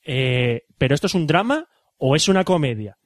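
A man's voice: on the high side, animated, moderate pace, no room sound, studio quality. A man hosting a casual chat, retelling a film's story with many fillers and restarts. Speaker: podcast host. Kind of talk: casual chat about a film.

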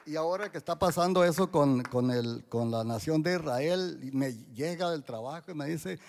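A man, giving a church testimony in a halting way, full of restarts and fillers. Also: fairly high pitch, creaky, a little mellow, slight background noise. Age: 60s.

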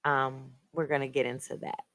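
A woman's voice: very deep voice, level tone, moderate pace, a bit bright. A woman hosting her own podcast, talking in an upbeat, chatty way. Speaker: podcast host. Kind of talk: casual solo podcast chat.

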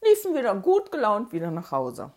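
A woman reading her childhood memoir aloud, dramatic, dropping to whispers and rising to shouts. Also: medium pitch, huge pitch swings, moderate pace. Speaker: storyteller.

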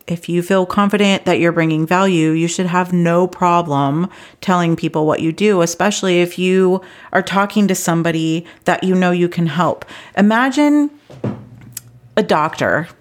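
A woman's voice: fairly low pitch, normal speed. A middle-aged woman hosting a solo podcast for travel agents, talking earnestly and with growing intensity before reining herself in. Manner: earnest and animated, gets intense then reins herself in. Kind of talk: casual solo podcast talk.

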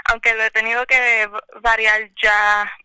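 A woman's voice: on the high side, level tone, measured pace, bright, forceful tone, smooth, no room sound, rough recording. A young adult woman chatting casually as a guest over the phone, dropping English words into her Spanish. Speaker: podcast guest. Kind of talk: casual chat.

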